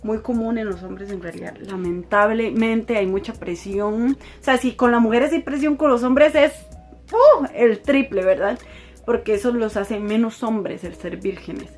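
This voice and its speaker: A young woman with a Costa Rican accent telling a personal story in a chatty, animated way, laughing often. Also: a little high, a little slow, faint music behind. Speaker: vlogger. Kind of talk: casual storytime.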